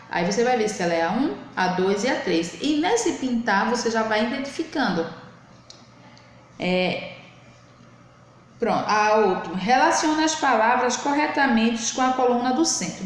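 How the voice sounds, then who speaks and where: A woman, teaching a young class in a recorded remote lesson, patiently stretching words out syllable by syllable. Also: a little high. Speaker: primary school teacher. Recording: very echoey room, faint noise.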